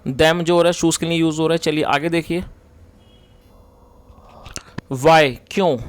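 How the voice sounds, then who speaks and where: Smooth-voiced man teaching English grammar. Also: fairly high pitch, steady tone, no echo. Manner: reads English lines slowly, explains fast. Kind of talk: explaining a story line by line.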